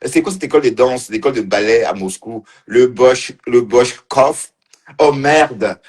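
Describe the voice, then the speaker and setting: A man's voice: mid-range voice, unhurried. A man giving casual livestream commentary, teasing and mocking as he talks, laughing often and repeating phrases. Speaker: online commentator.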